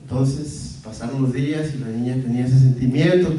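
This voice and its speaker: A male pastor preaching a sermon in a church, earnest, with soft pauses and sudden emphatic rises. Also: medium pitch. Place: church sanctuary. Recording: echoey church hall, mic at a distance.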